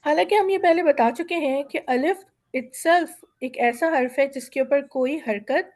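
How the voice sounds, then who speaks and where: A woman teaching Quran recitation in a class, patiently explaining letter sounds and slowly sounding out example words. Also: high voice, darkish tone.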